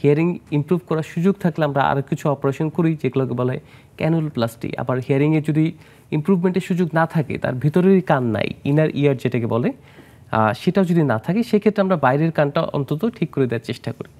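Talking fast in a fairly high, slightly mellow voice, a Bangladeshi plastic surgeon walks through treatments as a studio health interview guest. His explanations mix in English medical words, and he turns questions back to the host.

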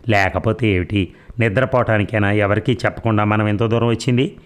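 A teasing young husband full of banter and mock sulks, as a male narrator reads him. His voice sits low and plain, the tone of an audiobook romance. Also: steady tone, a little fast, clean tone, natural voice. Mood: mock angry. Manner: playful banter, mock pleading. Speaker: doctor.

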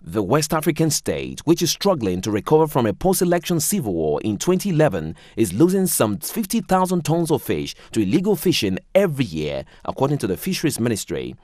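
A man's voice: huge pitch swings, a little mellow, no room sound. Male news voice-over, swooping intonation, dry close booth sound. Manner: measured reading with wide pitch swings. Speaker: news reporter. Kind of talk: scripted news narration.

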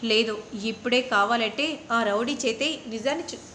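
A woman's voice: on the high side, moderate pace, bright, forceful tone, a little hiss or hum. A woman voicing a stern, proud older man who scolds defiantly, in a serial recap. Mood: scolding.

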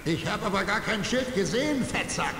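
An actor playing a defiant, surly video game hero who talks back in a curt, insolent, threatening way. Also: male voice, high voice, expressive, fairly quick, vocal fry. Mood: defiant, annoyed. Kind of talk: dubbed video game cutscene acting. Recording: echoing hall, some game noise.

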